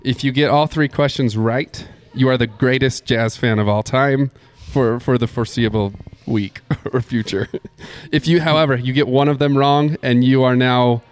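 A man's voice: medium pitch, steady tone, moderate pace, clean tone. A man co-hosting a casual sports podcast, easygoing and teasing. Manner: easygoing, teasing, laughs often. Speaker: podcast co-host.

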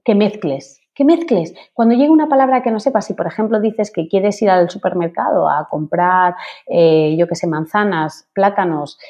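Woman guest on a podcast, warm mellow voice, eager and emphatic. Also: medium pitch, normal speed, muffled recording. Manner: enthusiastic, emphatic advice. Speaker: podcast guest, English teacher. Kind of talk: conversational podcast interview.

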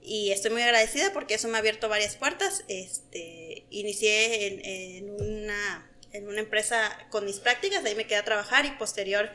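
Chatty Mexican woman, bright voice. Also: mid-range voice, normal speed, hardly any pauses. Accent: Mexican Spanish. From Mexico (Oaxaca). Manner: chatty, laughs often, many fillers. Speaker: podcast guest. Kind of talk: casual podcast chat.

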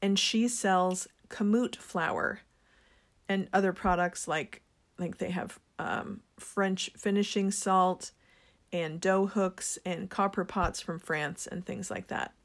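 A woman who runs a small business, talking in a slow, gentle, earnest way about sharing her products. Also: on the low side, expressive. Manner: introverted. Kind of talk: reflective personal talk.

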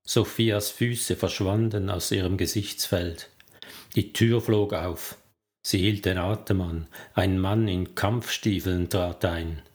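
A man narrating a story in a slow, unhurried tempo. His voice sits a little low, and his delivery is calm and measured, like an audiobook reader. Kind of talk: scripted narration.

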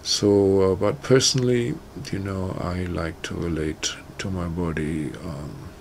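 Slow, gravelly low-voiced man. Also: a little hiss or hum. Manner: halting, many fillers like "you know" and "uh". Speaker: meditation teacher. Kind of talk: casual spoken talk.

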